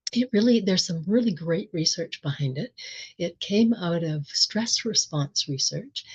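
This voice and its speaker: A middle-aged woman giving a reflective spiritual talk, gentle and thoughtful, with soft laughs and pauses. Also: on the low side, husky, lo-fi sound. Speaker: spiritual teacher.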